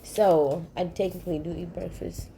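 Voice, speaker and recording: Sleepy and relaxed, a channel host rambles through a casual morning chat, yawning as she talks and showering her viewers with affection. Her fairly low voice is mellow and warm rather than bright, with vocal fry and a moderate pace. A faint hiss runs beneath the recording.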